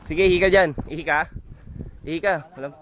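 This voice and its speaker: A man's voice: fairly high pitch, brisk, fairly bright tone. Joking man filming outdoors, wind noise. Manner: joking, laughing often, playful chanting. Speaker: person filming an outing. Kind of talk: casual teasing commentary while filming.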